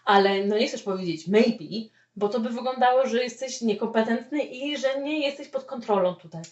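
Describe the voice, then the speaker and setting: A woman teaching a spoken English lesson, explaining with lively "okay?" check-ins. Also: on the high side, moderate pace. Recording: echoey room, mic at a distance, dull lo-fi sound.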